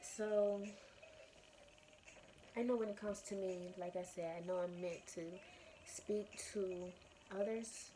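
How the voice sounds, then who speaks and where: A woman host giving a casual, reflective monologue to her followers, earnest and meandering, circling back over her phrases in a creaky voice. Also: medium pitch, steady tone, takes it slowly, pauses often, mellow, a little hiss or hum, low-quality recording. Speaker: spiritual self-love podcast or vlog host.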